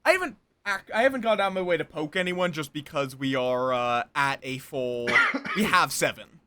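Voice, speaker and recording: Bright, lively game streamer with a playful streak, voice of unclear gender. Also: mid-range voice, moderate pace, a little hiss or hum. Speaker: streamer and game storyteller running an online social deduction game. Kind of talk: casual livestream chat with friends and viewers.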